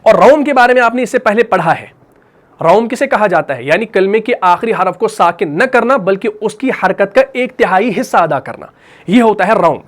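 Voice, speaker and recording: Urdu accent guy teaching tajweed, kinda high voice, asks himself questions, slow sung recitation for each verse. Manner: explains step by step, asks and answers his own questions; slows into drawn-out melodic recitation for verses. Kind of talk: tajweed lesson with recited examples.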